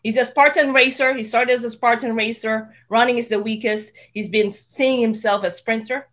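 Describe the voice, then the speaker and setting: Brief: woman host with a somewhat high voice, chatty, laughs a lot, casual interview talk. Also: steady tone, moderate pace, a bit bright. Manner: chatty, laughs often, restarts words. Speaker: podcast host.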